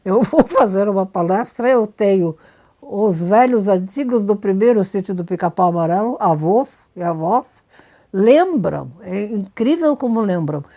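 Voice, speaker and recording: An older woman being interviewed, telling lively anecdotes and repeating words for emphasis. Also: mid-range voice, measured pace. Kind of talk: storytelling interview.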